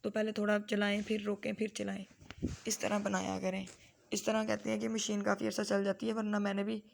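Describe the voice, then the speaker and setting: A woman with a Lahori Punjabi accent gives a chatty, homely voice-over for her family vlog. Her pitch stays almost perfectly level, and her voice has a gravelly, creaky edge. She drifts into Punjabi phrases as she goes. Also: monotone, a little fast. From Lahore, Pakistan. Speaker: family vlogger and mother. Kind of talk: casual vlog voice-over narration.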